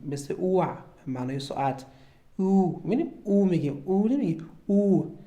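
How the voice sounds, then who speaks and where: A man's voice: medium pitch, warm tone. A man teaching a beginner German lesson, explaining patiently step by step and repeating each sound. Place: at a board, writing.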